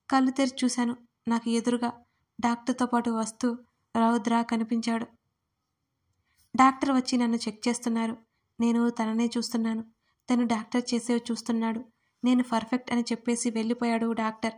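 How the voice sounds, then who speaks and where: A woman, the writer and narrator, reading a first-person romance audio story in a soft, steady way. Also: on the high side, brisk, long pauses.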